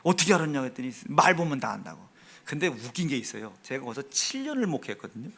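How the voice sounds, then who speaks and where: A man with a Chungcheong Korean accent preaching a sermon in a church, swinging from hushed asides to loud, emphatic exhortation. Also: mid-range voice, very animated, fast talker, creaky. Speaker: pastor. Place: church sanctuary.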